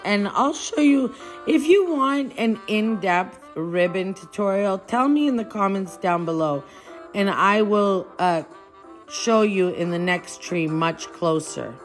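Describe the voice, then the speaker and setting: In her furnished living room at home, a home decor vlogger chats and thinks out loud through a relaxed decorating demonstration. Her voice is medium-pitched and animated, she takes her time, and soft music plays in the background.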